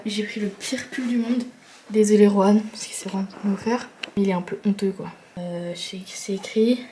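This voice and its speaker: A woman's voice: mid-range voice, dark tone, a little hiss or hum. An eighteen-year-old woman vlogging in a casual, chatty way, informal and full of fillers and slang. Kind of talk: casual vlog chat.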